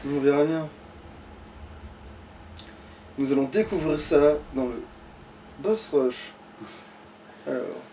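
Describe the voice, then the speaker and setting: In an unhurried, warm voice of fairly high pitch, a man chats his way through a video game as a let's player, swearing and muttering repeated lines. The recording uses a distant mic and carries faint background noise.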